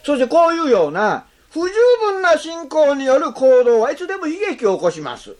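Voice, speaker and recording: A pastor delivers a sermon with an extremely animated, swooping pitch. The preacher keeps putting questions to the listeners and drops short tag words between phrases, drawing out key words and then hurrying through the explanations. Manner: rhetorical questions to the congregation; slows on key phrases, speeds up when explaining.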